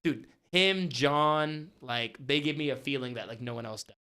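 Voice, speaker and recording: A man's voice: medium pitch, normal speed, sharp tone, clean tone. A young man co-hosting a casual podcast, talking in a laid-back way with lots of filler words and swearing. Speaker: podcast co-host.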